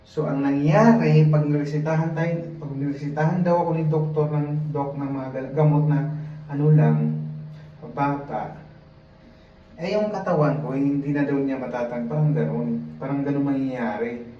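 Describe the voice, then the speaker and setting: A man's voice: medium pitch, moderate pace, slight background noise. A man vlogging casually while doing laundry, chatty and rambling, often laughing at himself. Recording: echoey, dull, from far off.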